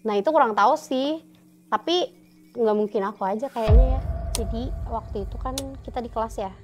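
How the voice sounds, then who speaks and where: A woman's voice: on the high side, brisk, darkish tone, slight background noise. A young woman casually recounting her own ghost experiences in a podcast interview, acting out the dialogue between speakers. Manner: acts out quoted dialogue, lots of fillers.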